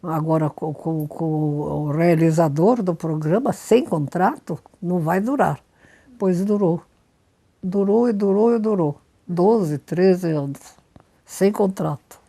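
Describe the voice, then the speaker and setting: An older woman being interviewed, telling lively anecdotes and repeating words for emphasis. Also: on the low side, slow pace. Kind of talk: storytelling interview.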